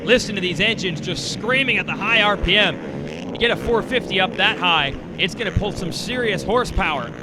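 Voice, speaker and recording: A man working as a motorsport commentator, calling a race play-by-play in an excited, emphatic way. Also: high-pitched, brisk, very noisy. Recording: loud music bed behind the voice. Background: loud music.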